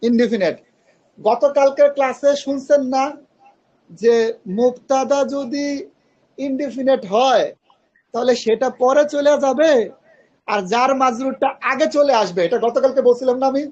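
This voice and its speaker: A man's voice: very high voice, measured pace, long pauses, darkish tone, highs cut off. A man teaching Arabic grammar in an online class, patiently quizzing his students and mixing in English terms.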